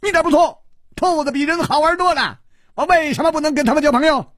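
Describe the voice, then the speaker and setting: A man's voice: extremely high pitch, fast, fairly bright tone, no echo, studio quality, pitched above the performer's own voice. A man voicing a young nobleman who feigns madness, stammering, shrieking and giggling like a child. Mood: shrill.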